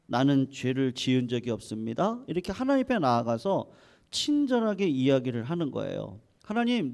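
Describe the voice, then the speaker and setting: A man's voice: mid-range voice, mellow. A middle-aged man preaching a sermon as pastor in a church, pleading and rising in fervor as he acts out a plea to God. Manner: preaching with rising fervor, acting out Job's pleas. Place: church sanctuary.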